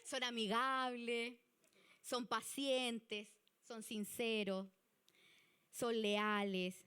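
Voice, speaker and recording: A woman with a Chilean Spanish accent giving a church youth leadership lesson, chatty and animated. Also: a little high, drawn-out words, smooth. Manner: chatty and animated, acts out example people.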